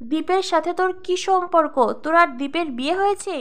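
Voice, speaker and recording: A stern middle-aged mother, sharp and demanding, as a woman narrator reads her. The voice is high and light. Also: fairly quick. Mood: scolding.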